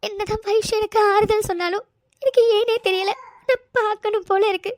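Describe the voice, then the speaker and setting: A woman's voice: very high voice, animated, brisk, no echo, studio quality. Woman voicing a tearful, pleading cartoon girl. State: crying. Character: tearful young woman, gentle and self-blaming. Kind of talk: cartoon voice acting.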